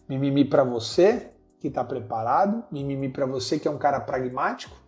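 A man's voice: mid-range voice, animated, moderate pace, a little mellow, faint music behind. A Brazilian man hosting a podcast lesson, talking in a slangy way and firing off punchy rhetorical questions. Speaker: podcast host giving business advice.

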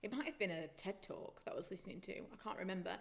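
A woman's voice: medium pitch, quick pace, gravelly. A woman co-hosting a podcast, talking in a frank, reflective way in a casual chat. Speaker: podcast co-host.

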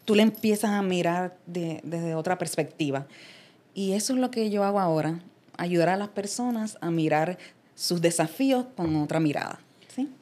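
A middle-aged woman from Cuba, a transpersonal coach and guest, talking in a casual interview and telling her story with lively asides and laughter. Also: lowish voice, moderate pace. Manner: animated storytelling, acts out quoted voices, laughs often.

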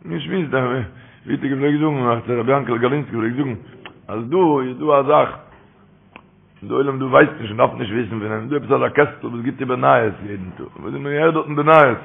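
A man's voice: medium pitch, brisk, vocal fry, slightly rough. A man giving a religious talk with stories, repeating his phrases as he tells them. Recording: tinny phone-line recording.

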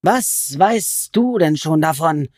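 A woman voicing a sly, menacing male goblin who is a fanatically loyal servant, speaking in a slow, drawn-out, hissing way. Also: deep voice, expressive, darkish tone, no echo, studio quality, full character voice. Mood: insistent, greedy.

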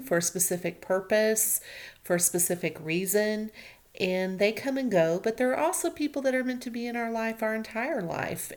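A woman of fifty hosting a relaxed conversation. She talks thoughtfully in long, flowing sentences, with a middle-pitched voice. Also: clear, resonant tone. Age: 50s. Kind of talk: casual conversation.

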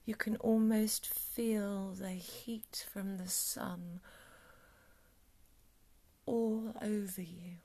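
A woman with a soft, calm whisper, guiding a breathing meditation in a soothing ASMR style. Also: medium pitch, extremely slow, vocal fry, long pauses. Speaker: meditation guide.

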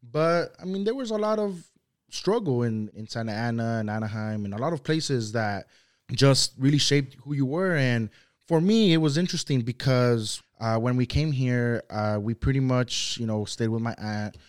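Clear and resonant, this mid-range male voice moves at an ordinary pace. It belongs to a young man from Mexico, a native Spanish speaker, chatting loosely on a podcast and leaning heavily on "like" and "you know."

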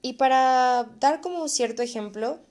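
A woman's voice: high voice, unhurried, darkish tone. A young adult woman with a Mexican accent, talking in an earnest, encouraging, casual way in a reflective vlog monologue. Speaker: vlogger.

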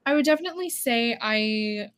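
A woman's voice: a little high, animated, moderate pace, a bit bright. Thoughtful young woman from Florida. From Florida, United States. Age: 20s. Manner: thoughtful, conversational, with frequent fillers. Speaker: podcast guest. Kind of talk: casual interview.

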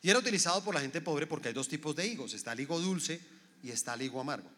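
A man's voice: fairly high pitch, animated, racing, sharp tone. Preaching man in an echoing hall. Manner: preaching with rhetorical questions, acting out quoted people. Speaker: pastor. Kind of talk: sermon.

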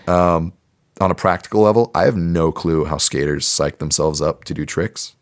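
A man with a very deep voice talks through a film in relaxed podcast chat. He rambles a little, leaning on fillers as he thinks aloud. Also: moderate pace. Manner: laid-back, rambling, filler-heavy. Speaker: podcast co-host. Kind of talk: casual movie review chat.

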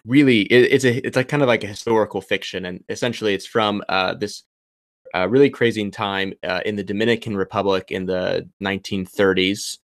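Here the young doctoral student's lowish voice moves fairly quickly with fairly even intonation. As a guest in a casual podcast interview, he reasons out loud, often saying um and starting over. Recorded dry in a clean studio.

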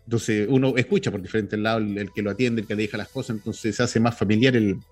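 A man's voice: on the low side, steady tone, fast, soft background music. Rambling man hosting a chat. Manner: rambling, repeats words. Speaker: interview host. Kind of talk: casual interview talk.

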